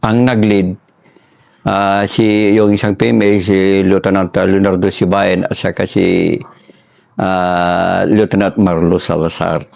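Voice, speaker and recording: An older man, a former soldier, telling his story in a casual interview and acting out the dialogue with lively, raised voices. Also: low-pitched, slow, creaky. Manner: animated, acts out quoted dialogue in a raised voice.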